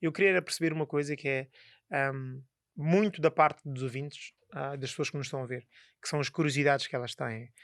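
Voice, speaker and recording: A man's voice: fairly high pitch, fairly even intonation, brisk, fairly bright tone, no room sound, studio quality. A man co-hosting a podcast, teasing his partner with many fillers and playful storytelling. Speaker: podcast co-host. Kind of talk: casual chat.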